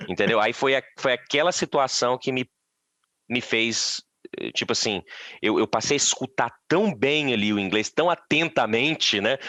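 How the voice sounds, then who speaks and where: Brazilian guy, kinda low voice, rambling podcast stories, dry sound. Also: sharp tone, no room sound. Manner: storytelling, many restarts. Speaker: podcast guest. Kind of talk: casual podcast chat.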